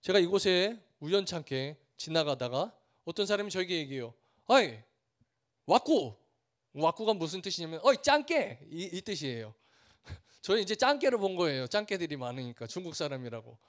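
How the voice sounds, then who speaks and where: A Korean man preaching as a missionary, his voice set high for a man. He speaks earnestly, builds through repeated phrases, and slips into the voices of the villagers in his stories. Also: sing-song, normal speed. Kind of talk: sermon with storytelling.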